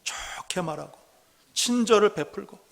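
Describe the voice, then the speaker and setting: A male pastor with a high voice delivers an earnest Sunday sermon. He poses rhetorical questions to the congregation and slows down when he reads scripture. His voice rings with the long reverb of a church sanctuary. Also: animated, vocal fry.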